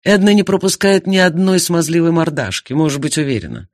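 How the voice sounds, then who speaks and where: A man voicing a jealous, blustering husband who shouts indignantly in an audiobook. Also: fairly high pitch, fairly quick, dry recording, studio quality, voice pushed up, lightly acted. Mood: ranting. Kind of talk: audiobook character voice.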